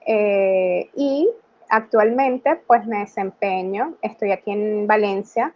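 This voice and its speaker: A woman in her thirties, a graphologist talking as an interview guest in a relaxed, conversational way with many "eh" and "ok" fillers. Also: mid-range voice, takes it slowly, dull audio. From Venezuela. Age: 30s. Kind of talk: casual video-call interview.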